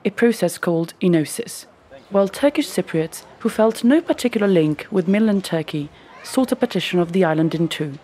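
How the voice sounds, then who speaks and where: A woman giving scripted documentary narration in an even, explanatory manner. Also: fairly low pitch, brisk, a little hiss or hum.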